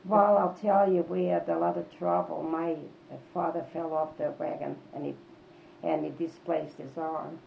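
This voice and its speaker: An elderly woman reminisces in an interview, halting and repeating phrases for emphasis. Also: low-pitched, flat delivery, vocal fry. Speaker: oral history interviewee. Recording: dull, lo-fi tape with faint noise.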